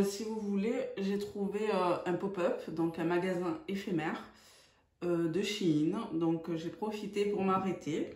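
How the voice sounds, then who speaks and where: A woman talks through a makeup tutorial at an unhurried pace, hesitating often with fillers. Her voice sits in a middle range and bounces around an echoey room. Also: medium pitch, darkish tone. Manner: hesitant, many fillers, slow and chatty. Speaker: beauty vlogger.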